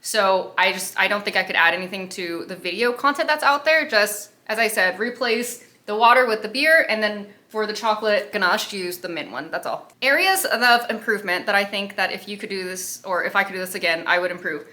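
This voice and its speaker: Bright-voiced chatty woman baking vlogger. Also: medium pitch, brisk, hardly any pauses. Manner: chatty, self-deprecating, rambling asides. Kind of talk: casual chat to camera. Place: home kitchen.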